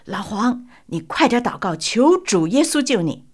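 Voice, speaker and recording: A fervent male pastor, put on by a woman telling the story, calling out prayers and urging on a suffering man. His voice rings high and forceful with exhortation. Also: big pitch swings, measured pace.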